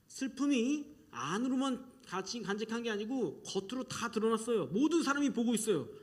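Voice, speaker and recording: A middle-aged male pastor preaching a sermon in an animated way, acting out quoted voices and sometimes dropping to a soft whisper. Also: very high-pitched, moderate pace.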